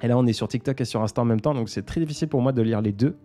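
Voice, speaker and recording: Soft-spoken man hosting a livestream. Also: medium pitch, very fast, soft background music. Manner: soft-spoken, laughs often, reads out comments. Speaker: livestream host. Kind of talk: casual livestream chat reading comments.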